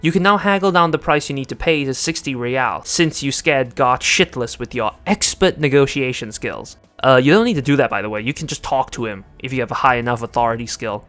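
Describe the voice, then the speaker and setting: A man's voice: medium pitch, a little fast, hardly any pauses, a bit bright, soft background music. A man hosting a video essay in scripted commentary, sarcastic and joking.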